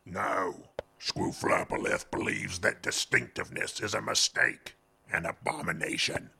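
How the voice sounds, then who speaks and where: In a cartoon, a man plays a grave, patient, wise sage from another world, using a low, gravelly, husky voice that is pushed and bright. It's a full character voice, measured and solemn.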